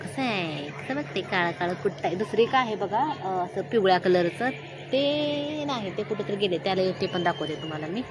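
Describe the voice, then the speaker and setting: A chatty woman in her thirties from Maharashtra, talking casually into a handheld phone as she vlogs outdoors at a village home. Her voice sits at an ordinary middle pitch for a woman. Steady outdoor noise runs under the recording throughout. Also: normal speed, crowd noise. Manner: chatty, talks straight to viewers and family. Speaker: vlogger. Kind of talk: casual vlog chat. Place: outdoors at a village home by a wood stove, evening.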